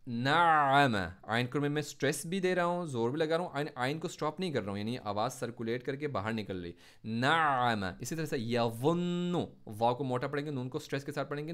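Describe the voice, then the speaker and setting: Guy teaching quran recitation, draws out each word slow and loud then explains quick and low, mid pitch. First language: Urdu. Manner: stresses and drags out recited words, then explains in quicker, lower asides. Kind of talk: tajweed lesson, explaining and reciting words slowly.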